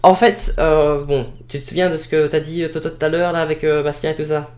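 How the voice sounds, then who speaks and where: A man's voice: fairly high pitch, flat delivery, fairly quick, a little mellow. A man with a Belgian French accent improvising casual role-play dialogue in a colloquial, repetitive, talkative way. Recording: echoey room sound.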